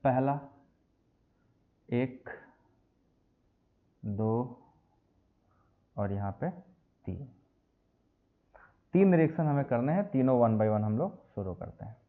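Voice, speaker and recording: A man's voice: mid-range voice, slow, long pauses. A man teaching a chemistry lecture to students, calling them beta and mixing English phrases into his explanation. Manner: lively, addresses students as beta and bachche. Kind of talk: classroom lecture. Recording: tinny phone-like audio.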